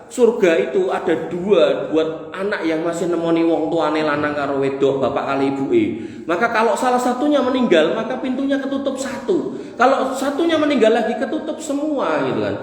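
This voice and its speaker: A man with a Javanese accent preaching a Ramadan sermon in a mosque, telling lively stories and reciting Arabic passages. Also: sits high. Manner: animated storytelling, mixing in Javanese and Arabic recitation. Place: large mosque hall. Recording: very echoey mosque hall with long reverb.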